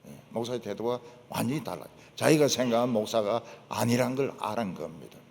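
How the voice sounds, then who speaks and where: An older man preaching, emphatic, repeating his points and dropping to low asides. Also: expressive, fairly quick, creaky, darkish tone. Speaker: pastor. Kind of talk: sermon. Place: church sanctuary. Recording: long church hall reverb.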